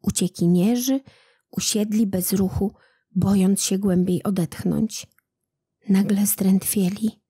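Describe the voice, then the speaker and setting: Woman audiobook narrator for legends; unhurried, dark and slightly breathy, dry close sound. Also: medium pitch, dry recording. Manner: calm, unhurried reading. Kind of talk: storybook narration.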